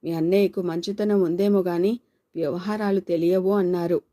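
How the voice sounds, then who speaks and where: A woman reading a novel aloud and voicing a gentle young wife who speaks softly and plainly. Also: on the low side, steady tone, normal speed, close to an everyday voice.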